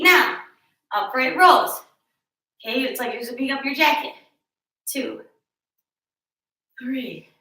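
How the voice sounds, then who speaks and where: A woman's voice: high voice, pushed and bright. A woman leading a home workout, counting reps aloud and making chatty, joking asides between sets. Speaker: fitness instructor. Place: room at home with a mirror. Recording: roomy echo, from a distance.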